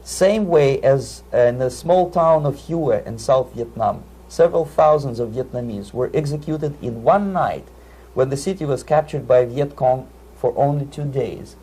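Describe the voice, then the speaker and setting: Man, Russian accent, warm dark voice, slightly husky, earnest explanatory interview tone. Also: medium pitch, measured pace. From Soviet Union. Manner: earnest, lecturing, frequent word repeats. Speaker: interview guest.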